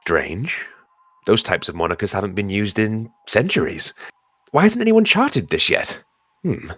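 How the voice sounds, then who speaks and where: A man's voice: on the low side, big pitch swings, unhurried, fairly bright tone, breathy edge, no echo, clean studio sound, heavily acted. A man playing a chatty, sarcastic lone space explorer who talks to himself in a science fiction audio drama. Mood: puzzled.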